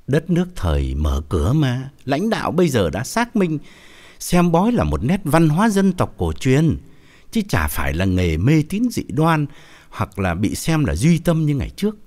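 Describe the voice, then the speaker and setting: A man voicing a boastful older male fortune teller spinning a story with a husky voice. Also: mid-range voice, wildly swooping pitch, normal speed, a little mellow.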